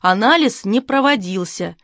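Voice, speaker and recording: A woman's voice: medium pitch, expressive, moderate pace, a bit bright, dry recording, clean studio sound. A woman reading a smug, sarcastic male lab doctor.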